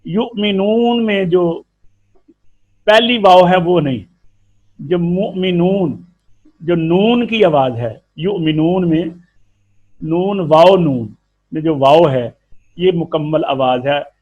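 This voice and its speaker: A man's voice: high voice, slow pace, long pauses, phone-quality sound. A man with an Urdu accent teaching a tajweed lesson, explaining patiently and stretching out syllables to demonstrate sounds. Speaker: Quran recitation teacher.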